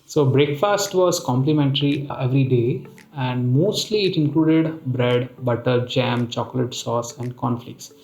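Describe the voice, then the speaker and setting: A man's voice: mid-range voice, measured pace, few pauses, a little mellow. A man with an Indian accent narrating a casual travel vlog in a conversational, storytelling way. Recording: roomy echo, music bed. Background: music.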